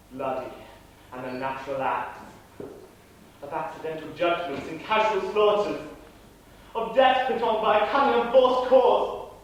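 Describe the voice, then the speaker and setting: A man's voice: mid-range voice, natural voice. A young man playing a loyal, grieving nobleman in impassioned Shakespearean stage acting. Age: young adult. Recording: very echoey hall, distant mic, faint noise.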